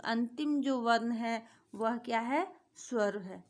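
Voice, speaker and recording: Brief: young woman teacher, slow deliberate exam-prep explainer, slightly high voice. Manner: repetitive, asks and answers her own questions. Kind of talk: exam-prep grammar lesson.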